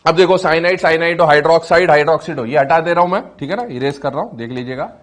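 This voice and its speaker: A man's voice: fairly high pitch, fast. A male teacher giving a chemistry lecture, asking questions and answering them himself, repeating key terms and calling his students "beta". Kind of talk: classroom lecture.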